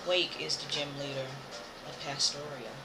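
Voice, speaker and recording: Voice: medium pitch, fairly even intonation, normal speed, low-quality recording. An American game streamer thinking aloud in casual, playful commentary while playing. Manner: playful, hums filler tunes, reads game text aloud. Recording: game music behind the voice. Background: video game music.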